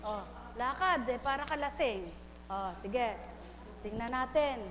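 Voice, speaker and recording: A woman's voice: fairly high pitch, expressive, unhurried, a bit bright, in a large hall, a little hiss or hum. A woman faith healer at a live healing session, teasing and questioning a patient with short, repeated questions.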